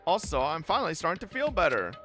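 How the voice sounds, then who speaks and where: A man's voice: a little high, sing-song, fast talker, pushed and bright, soft background music. A man playing a sly, chirpy mascot bear. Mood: preachy.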